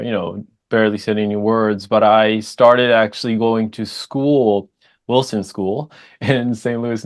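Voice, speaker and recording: A man born in Japan and raised partly in the United States, chatting as an interview guest in a loose, rambling way with many restarts. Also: fairly low pitch. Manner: rambling, many restarts and fillers, laughs easily. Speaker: guest musician. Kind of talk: casual interview answers.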